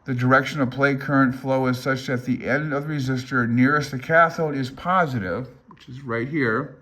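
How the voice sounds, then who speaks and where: In a medium-pitched, sharp voice with fairly even intonation and a moderate pace, an older man casually reads through an amateur radio handbook. Unscripted and rambling, he thinks aloud and openly admits uncertainty.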